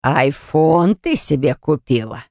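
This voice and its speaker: A harsh middle-aged father spits slow, heavy threats in this audiobook scene, as a woman narrator puts him on. His voice drops below hers and presses loud on every word. The reading stays close and dry. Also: deep voice, sing-song, gravelly, dry recording, heavily acted. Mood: menacing. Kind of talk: audiobook character voice.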